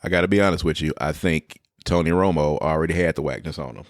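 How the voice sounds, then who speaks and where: A man co-hosting a podcast in casual chat, animated and blunt with his opinions. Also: rumbling low, fast, dry recording, clean studio sound. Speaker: podcast co-host.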